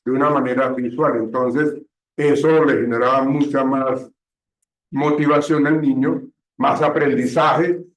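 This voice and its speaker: A man teaching a classroom lecture, often pausing to check understanding, recorded from a distance in a classroom. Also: mid-range voice, fairly even intonation. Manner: slow, checks understanding with frequent "¿sí?". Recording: echoey room, distant mic, dull sound.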